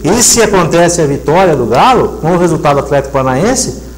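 A man's voice: a little high, brisk, a crowd in the background, poor audio. A middle-aged man hosting a sports show, chatting and reading match results steadily. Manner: steady, reads lists of results. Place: TV studio set. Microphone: lapel mic.

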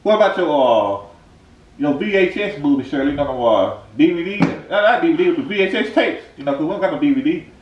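A man's voice: on the high side, expressive, a little fast, far from the mic, dull audio. A man co-hosting a comedy vlog who stammers, repeats his words and keeps tagging his lines with "though". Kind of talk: comic improvised chat. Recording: roomy echo, from off-mic, faint noise.

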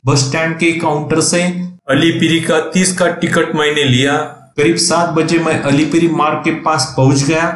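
A man with a fairly high voice reads out a travel vlog in a steady, scripted way, giving practical tips as he goes. The voice-over sounds echoey, with a faint hiss behind it. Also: normal speed. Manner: steady, plainly read narration with practical tips. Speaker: travel vlogger.

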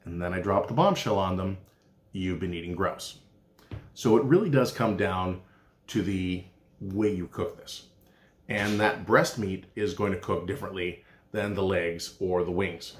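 A middle-aged Canadian chef gives an informal, folksy cooking demonstration, explaining as he goes. His voice sits low and he talks at normal speed. The small indoor room has hard walls, so the recording is echoey.

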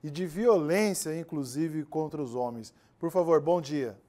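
A man's voice: on the high side, measured pace, warm tone. A man with a Brazilian Portuguese accent anchoring a live news show, handing over to a reporter in a friendly, conversational way. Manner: friendly, conversational, asks questions.

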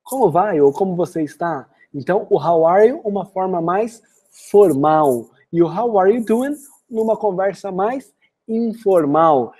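A woman with a Brazilian Portuguese accent giving an online English lesson, explaining phrases and then saying the English examples slowly and clearly. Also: lowish voice, lively intonation, mellow. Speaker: English teacher.

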